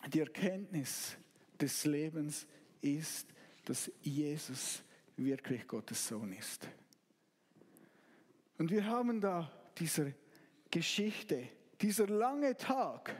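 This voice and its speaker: A male pastor preaching a sermon that retells a story as a slow, dramatic narration, with sudden loud outbursts. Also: high-pitched, animated, long reverb tail.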